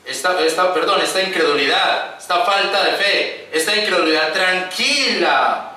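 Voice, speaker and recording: At a moderate pace, a high-pitched man with a sharp tone addresses his congregation as brothers and acts out the voices in the scripture. The sound is echoey and distant, recorded in a church hall.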